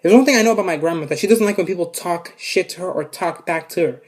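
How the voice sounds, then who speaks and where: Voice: medium pitch, quick pace, breathy edge. Rambling, swearing storyteller vlogger. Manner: rambling, profane, many fillers. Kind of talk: casual storytime monologue. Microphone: camera set up in front of them.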